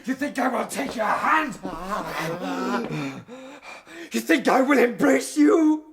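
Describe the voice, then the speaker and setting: A man's voice: very high-pitched, a loud crowd. A man playing Victor Frankenstein, an anguished, fearful young scientist, in theatrical gothic audiobook style. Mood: terrified. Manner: anguished, intense, halting when nervous. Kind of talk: dramatised audiobook acting, theatrical gothic delivery.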